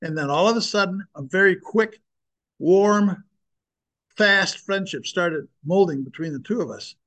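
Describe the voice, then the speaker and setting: A man's voice: sits high, unhurried, a bit bright. An older man speaking earnestly and with emphasis, preaching and sharing a personal testimony with his listeners.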